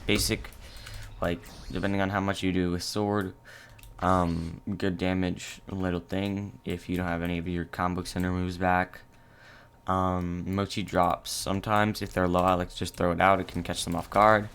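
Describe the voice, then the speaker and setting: A young man narrating a casual gameplay tutorial, halting and low-key with many fillers. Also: level tone, fairly bright tone, a little hiss or hum. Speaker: gaming channel host.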